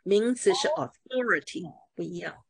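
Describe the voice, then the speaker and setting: A woman's voice: mid-range voice, animated, normal speed. A woman teaching English pronunciation, explaining patiently with everyday examples and drilling words with her student. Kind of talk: pronunciation lesson.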